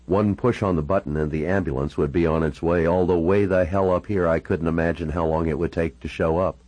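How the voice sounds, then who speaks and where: A man's voice: low-pitched, fairly even intonation, fairly quick, darkish tone, dry recording, rough recording. A man narrating a novel in the first person, with dry, wry asides. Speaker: audiobook narrator.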